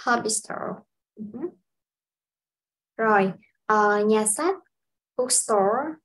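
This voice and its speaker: A woman from Vietnam teaching a casual language lesson, explaining step by step in an unhurried way with frequent filler sounds. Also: mid-range voice, a bit bright, poor audio. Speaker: English teacher.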